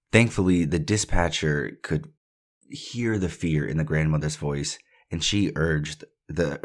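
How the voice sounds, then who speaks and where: A man hosting a true crime podcast, narrating a case with opinionated, casual asides between the facts he reads. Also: rumbling low.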